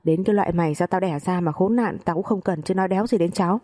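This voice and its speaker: A bitter, foul-mouthed old mother-in-law from a spoken family story, throwing coarse insults at everyone. A woman reads her in a low, mellow voice. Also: fast talker, natural voice. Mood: scornful. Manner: crude shouting insults.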